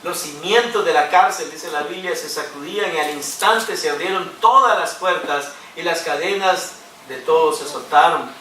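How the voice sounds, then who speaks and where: A man's voice: a little high, normal speed, pushed and bright, slight background noise. A male pastor preaching a sermon, joking and dropping English fillers into his teaching. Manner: jokey, mixes in English fillers. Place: church hall. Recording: roomy room sound from a distance.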